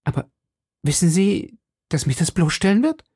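A man's voice: high voice, lively intonation, normal speed, a little mellow, husky, no echo, studio quality, voice pushed up, exaggerated voice. A man voicing a frightened young woman in hiding, pleading urgently with her rescuer in a raised voice. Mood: anxious. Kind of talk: audiobook character voice.

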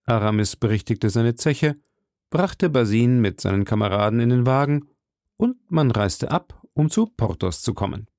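A man narrating an audiobook of a classic novel with a lively, expressive reading. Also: mid-range voice, moderate pace, no room sound, clean studio sound.

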